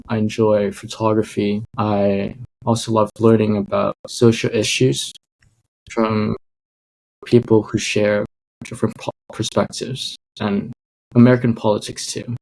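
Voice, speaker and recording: Young man with gravelly low voice. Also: darkish tone, low-quality recording. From Hong Kong. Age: young adult. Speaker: podcast guest. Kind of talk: casual interview.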